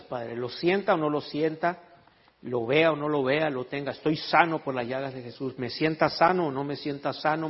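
Husky preacher in an echoey church hall. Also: male voice, on the high side. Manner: animated storytelling, joking with the congregation; reads scripture in English and Spanish. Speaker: pastor. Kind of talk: sermon. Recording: echoey hall, dull lo-fi sound.

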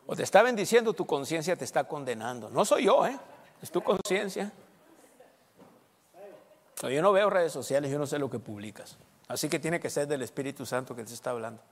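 In church, a man preaches a sermon as pastor, emphatic and swinging between loud and soft while checking in with the congregation. His voice is fairly high, expressive, and brisk, with long church reverb on the recording.

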